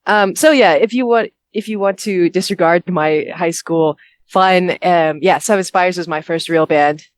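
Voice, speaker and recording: A woman's voice: on the low side, a little slow, no echo. A young American woman, a musician and vocalist, chatting informally and with self-deprecation as she is interviewed on a call. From Houston, Texas, United States. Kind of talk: casual interview chat. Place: on a bus, speaking on a call.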